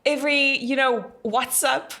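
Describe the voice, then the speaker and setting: A woman's voice: high voice, steady tone, measured pace, sharp tone. A South African woman co-hosting a podcast, chatting casually with lots of laughter and trailing sentences. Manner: bubbly, laughs often, trails off mid-sentence. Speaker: podcast co-host. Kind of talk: casual chat.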